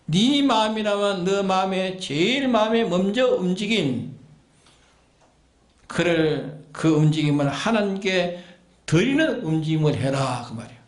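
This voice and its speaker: High-voiced preacher in an echoey church. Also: male voice, animated, measured pace. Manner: exhorting, repeating commands and rhetorical questions. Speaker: pastor. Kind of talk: sermon. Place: church sanctuary.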